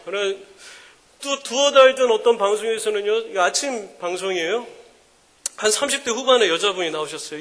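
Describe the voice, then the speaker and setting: A man in his thirties giving a joking, animated sermon-style talk at a mothers' prayer meeting. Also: high voice. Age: 30s. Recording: echoing hall reverb.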